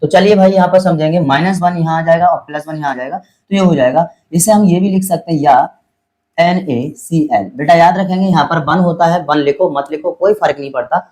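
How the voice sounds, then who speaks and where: A man's voice: a little high, darkish tone, rough recording. A man teaching a chemistry lesson, explaining step by step and patiently repeating his points. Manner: patient and repetitive, calls students "beta" and checks their understanding; slows down to spell out chemical formulas.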